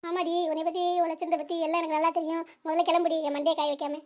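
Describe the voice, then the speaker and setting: A woman voicing a sharp-tongued elderly mother in a cartoon, scolding and bossy. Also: extremely high pitch, little pitch movement, rapid-fire. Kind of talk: cartoon comedy voice acting.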